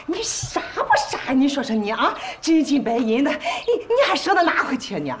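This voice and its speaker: A woman's voice: sits high, big pitch swings, normal speed, background noise. An actress playing a cheeky, stubborn woman in a war drama, teasing and refusing.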